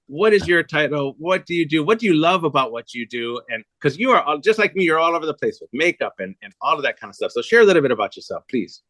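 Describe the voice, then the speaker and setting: A man's voice: on the high side, expressive, fast, few pauses, a bit bright, no room sound. A man hosting an interview, enthusiastic and repeating words for emphasis. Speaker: host. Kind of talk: casual interview chat.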